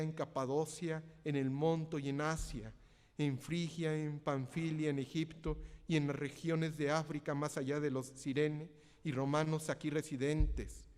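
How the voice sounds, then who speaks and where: Preaching with a Mexico City Spanish accent, this minister has a voice on the high side, a little mellow, clear and resonant, with big-room sound. He frequently pauses to put questions to the congregation.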